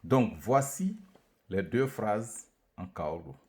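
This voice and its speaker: A man with a lowish voice lectures in an unhurried, measured way. He presents a writing system, pausing between phrases and repeating sounds carefully so listeners can follow. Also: lively intonation, darkish tone. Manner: slow, deliberate, repeats syllables to demonstrate tones. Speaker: language teacher presenting an alphabet. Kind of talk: lecture with slow syllable-by-syllable reading drills.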